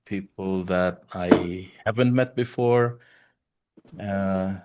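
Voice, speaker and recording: A man from Palestine hosting an online Q&A call, speaking softly with frequent pauses and fillers. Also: deep voice, very noisy. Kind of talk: casual welcome on a video call. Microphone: video call.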